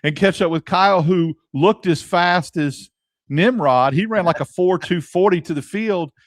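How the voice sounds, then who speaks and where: A fairly high-pitched man, co-hosting a sports podcast. He tells stories with emphasis and often repeats his words, and he is recorded dry and close. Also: normal speed, no room sound. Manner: emphatic storyteller, repeats himself. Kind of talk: casual chat.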